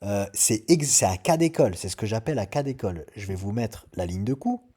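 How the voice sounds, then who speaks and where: Male trading host, casual chart breakdown, emphatic and repetitive, dark mellow voice. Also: lowish voice, expressive, a little fast, slightly rough. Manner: emphatic, loose and chatty, repeats his point.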